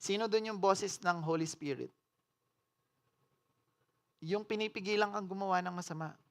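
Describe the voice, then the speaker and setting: A woman's voice: mid-range voice, moderate pace. Emphatic woman pastor preaching. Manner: emphatic preaching that swings between loud declarations and hushed, earnest appeals; mixes English phrases into her preaching. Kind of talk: sermon.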